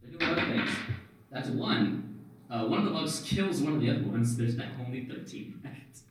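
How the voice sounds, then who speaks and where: A man's voice: mid-range voice, lively intonation, moderate pace, a little mellow, far from the mic. A man narrating a tabletop game as game master, chatty and loose, with lots of fillers and restarts. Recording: very echoey room, off-mic, faint hiss.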